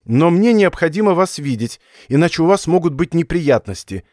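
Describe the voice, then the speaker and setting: A man's voice: on the high side, big pitch swings, a little mellow, no room sound, studio quality, pitched above the performer's own voice. A man voicing a stubborn young woman student. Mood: insistent. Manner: pleading, headstrong, quick.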